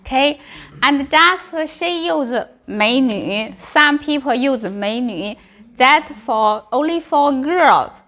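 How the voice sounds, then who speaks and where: Woman, Chinese accent, bright forceful voice, slow measured teaching, choppy simple English, frequent check-ins. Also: high-pitched, animated. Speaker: language teacher. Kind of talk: classroom Chinese lesson with repeated example words.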